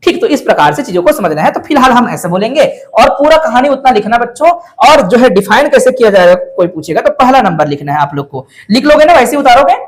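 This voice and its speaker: A man's voice: extremely high pitch, very animated, quick pace, few pauses. A male math teacher lecturing a class, coaxing his students with frequent questions.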